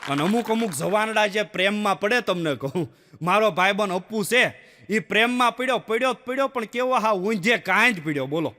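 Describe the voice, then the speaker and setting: A man's voice: high voice, a little fast. A man telling folksy stand-up jokes to a laughing audience, acting out the people in his stories. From Gujarat, India. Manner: animated storyteller who acts out the people in his jokes. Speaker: stand-up comedian. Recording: long hall reverb.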